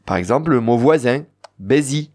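A man's voice: medium pitch, expressive, unhurried, a little mellow. Male Occitan teacher, southern French accent, patient and explanatory. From southern France. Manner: patient, explains rules with spoken examples. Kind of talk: radio language lesson.

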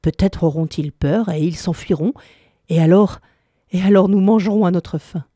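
A woman's voice: normal speed, warm tone, no echo, studio quality, natural voice. A woman voicing a clever, bold male cat in a storybook reading, raising her voice as he schemes and urges his friends on. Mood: scheming. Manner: eager, scheming, higher than her narration.

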